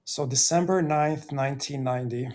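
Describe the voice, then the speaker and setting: A man in his thirties telling his life story on his own channel, reflective, pausing often between phrases. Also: mid-range voice, a little mellow. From Bosnia and Herzegovina. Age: 30s. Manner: slow and reflective, with many pauses and fillers. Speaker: YouTuber. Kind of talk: personal storytelling vlog.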